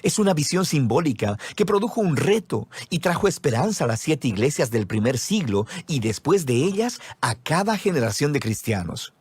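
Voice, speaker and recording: A man giving scripted explanatory narration in a measured, teaching style. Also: on the high side, very animated, darkish tone, slightly rough, no room sound.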